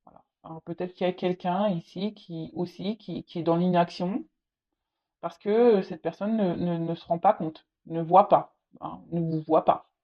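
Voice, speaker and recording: Halting woman giving a tarot reading. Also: lowish voice. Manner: halting, repeats words, many fillers; speaks directly to the viewer. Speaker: tarot reader. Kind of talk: casual tarot reading to camera. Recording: slightly dull lo-fi audio.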